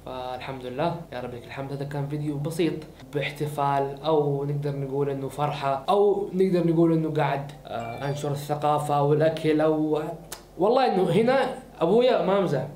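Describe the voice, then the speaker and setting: A young man hosts his vlog in a rush of eager, repetitive talk. His voice is fairly high and very fast, recorded on a camera mic in an echoey small room with a faint hiss underneath. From born in Mecca, Saudi Arabia. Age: young adult. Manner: rapid, excited, repeating himself for emphasis. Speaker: vlogger host. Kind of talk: casual chat to camera. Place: small indoor room with gaming desk.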